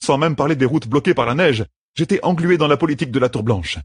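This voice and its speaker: A man's voice: a little high, quick pace, slightly rough, dry recording, studio quality, pitched above the performer's own voice. A man voicing a defensive, brooding young prince in an audiobook, protesting earnestly. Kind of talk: audiobook character voice.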